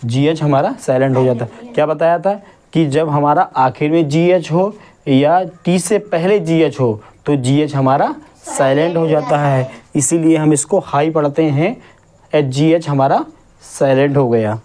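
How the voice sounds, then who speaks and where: A male English teacher giving a classroom lesson, asking questions and repeating each point slowly. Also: fairly high pitch, warm tone. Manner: drills word sounds syllable by syllable.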